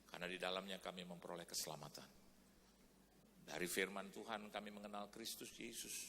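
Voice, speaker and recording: A man preaching as a pastor, telling a story in animated sermon style and then leading a prayer. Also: low-pitched, creaky. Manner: animated storytelling, shouting greetings in quoted voices. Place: large church hall. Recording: reverberant church hall, faint noise.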